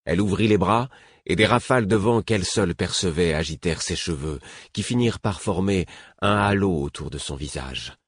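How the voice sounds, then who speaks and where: A man narrating a fantasy novel in the first person, steady and measured. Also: sits low, slightly rough, no echo, studio quality. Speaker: audiobook narrator.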